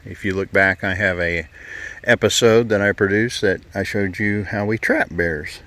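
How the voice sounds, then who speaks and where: A man's voice: fairly low pitch, moderate pace, fairly bright tone. A middle-aged man, chatting casually while walking through woods and fields for his vlog, folksy and easygoing. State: out of breath at times. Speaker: vlogger. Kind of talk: casual hiking vlog narration.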